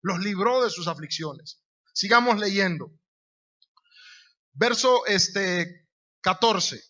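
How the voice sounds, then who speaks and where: Bright-voiced Honduran preacher. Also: male voice, high-pitched, expressive, takes it slowly. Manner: emphatic, repeats key phrases, rhetorical questions. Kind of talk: sermon. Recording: dull lo-fi recording.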